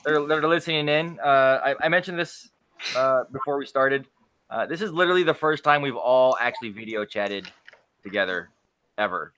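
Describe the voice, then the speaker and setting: A man's voice: mid-range voice, expressive, a little fast, pushed and bright, no room sound. A man hosting a casual group video chat, chatty and stumbling over restarts.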